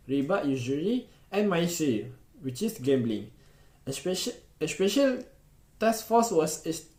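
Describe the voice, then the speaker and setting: Halting young man, echoey room. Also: a little high, mellow. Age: young adult. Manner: halting, often breaks off and restarts words. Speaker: university student presenter. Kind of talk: reading a class presentation.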